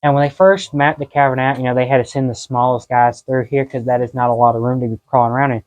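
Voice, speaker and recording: A man's voice: medium pitch, little pitch movement, fast talker, darkish tone. A man giving an informal, folksy guided tour inside a cave, in a conversational way.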